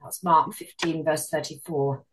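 A woman reading Bible passages aloud in a measured, clear way and citing each reference. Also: low-pitched, steady tone, distant mic, slight background noise, rough recording. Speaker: scripture reader. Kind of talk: scripture reading.

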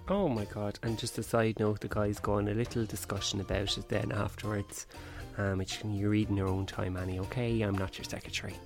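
A man's voice: on the low side, flat delivery, brisk, creaky, over music. A man co-hosting a podcast, reading listener questions in casual comic chat with a teasing, mock-scolding manner.

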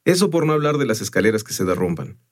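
A man's voice: lowish voice, animated, a little fast. A man voicing a proud, talkative middle-aged gravestone carver in an audiobook, earnest and matter-of-fact. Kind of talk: audiobook character voice.

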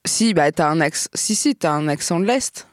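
A woman's voice: sits low, animated, no room sound. Woman comedian guest from Troyes, playful, jokey chat, dry close sound. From Troyes, France. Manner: playful, quick to laugh and joke. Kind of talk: casual chat.

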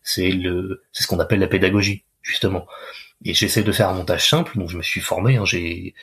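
Man, deep voice, husky, casual interview talk, chatty, lots of restarts. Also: steady tone, fairly quick, fairly bright tone. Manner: loose, chatty, frequent restarts and fillers. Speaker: fitness coach.

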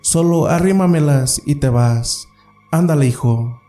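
A man's voice: on the high side, measured pace, warm tone, faint music behind, lightly acted. A man putting on a sly, coaxing old witch. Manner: coaxing, mocking. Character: mocking old witch-hen, female, sly and wheedling.

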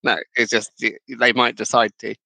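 A man's voice: mid-range voice, flat delivery, normal speed, vocal fry, pushed and bright, no room sound. A man hosting a casual tech podcast, wry and full of restarts. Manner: hesitant restarts, wry humor. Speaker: podcast host.

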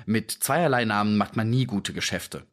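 Sherlock Holmes, read by a man, calm and assured. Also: fairly low pitch, lightly acted. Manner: friendly, measured, self-assured. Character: calm, clever male detective, polite and assured.

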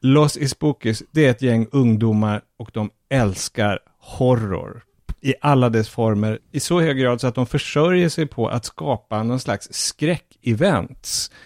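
A man's voice: mid-range voice, darkish tone, no echo, clean studio sound. A man hosting a casual chat and recommending a comedy series, chuckling as he talks. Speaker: podcast host reviewing films and series.

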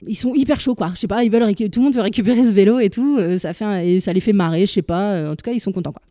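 Woman, casual storyteller, slangy and halting, mellow dry voice. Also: medium pitch, no echo. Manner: chatty, halting, full of fillers and slang. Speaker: storyteller guest. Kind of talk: casual personal anecdote.

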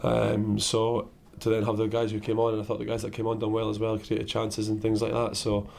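Croaky-voiced man in a post-match interview. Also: lowish voice, monotone, darkish tone. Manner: halting, repeats words and restarts. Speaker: caretaker player-manager.

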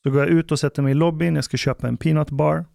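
A man's voice: on the high side, vocal fry, no echo, studio quality. A man hosting a podcast, telling a story in casual chat and acting out what people said. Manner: animated storyteller acting out quotes. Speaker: podcast host.

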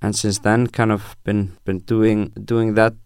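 A man's voice: fairly low pitch, flat delivery, unhurried, darkish tone, smooth, dry recording, clean studio sound. A young Icelandic man whose first language is Icelandic, speaking as a musician guest in a casual interview, hesitant with many fillers and restarts.

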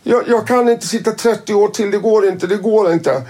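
A man's voice: very high-pitched, a little mellow, breathy edge, pitched above the performer's own voice. A man voicing a desperate male fellow prisoner who begs and repeats himself. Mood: pleading.

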